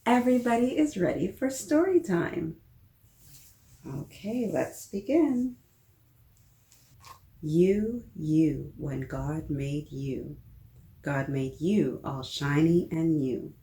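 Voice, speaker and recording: A woman hosts a children's story time, reading a picture book aloud playfully and expressively and talking straight to her young audience. Her voice is deep and slow with long pauses, in a roomy, echoing space.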